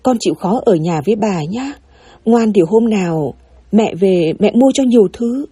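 A woman voicing a young mother gently coaxing her little son in a storybook tale. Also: medium pitch, animated, normal speed, slightly rough, no echo, clean studio sound. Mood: soothing. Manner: soothing, coaxing.

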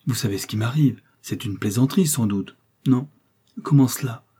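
A man's voice: medium pitch, normal speed, dark tone, slightly rough. A man reading a novel aloud, voicing a desperate young woman who pleads over her debts. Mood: indignant. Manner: pleading, frantic.

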